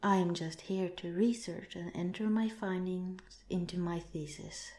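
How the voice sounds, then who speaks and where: This ASMR roleplay features a woman with a lowish voice, close to her everyday speaking voice, portraying a calm, curious alien researcher. She speaks softly, sometimes in whispers, in a formal, measured, clinical way. The recording is roomy, with her voice echoing.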